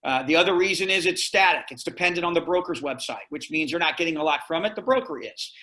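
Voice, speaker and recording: A man presenting a sales webinar, talking in a direct, energetic and persuasive way. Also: fairly high pitch, quick pace. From Florida, US.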